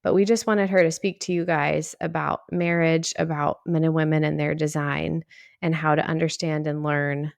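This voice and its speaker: A woman co-host with a low, slightly gravelly voice talks in an eager, gushing way. The sound is close and dry. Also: flat delivery, normal speed, no echo. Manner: warm, gushing and enthusiastic. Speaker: podcast co-host. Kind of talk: casual podcast chat.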